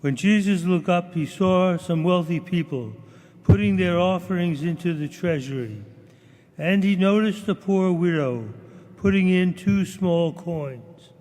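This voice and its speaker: Male clergy voice, solemn and measured, reading the Gospel in a long cathedral reverb. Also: high-pitched, a little mellow. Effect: cathedral echo. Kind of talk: chanted liturgical reading. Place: large church.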